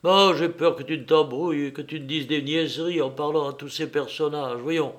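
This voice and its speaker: A man voicing a fussy, anxious gentleman who scolds his maid. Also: on the high side, fairly even intonation, normal speed, close to an everyday voice.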